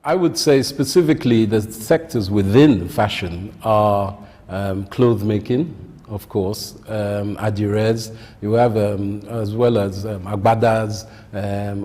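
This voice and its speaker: A Nigerian-accented man who works as a content creator and fashion designer answers interview questions in a measured manner, saying "um" a lot. His voice is fairly low and mellow, and it echoes as if he's in a large hall.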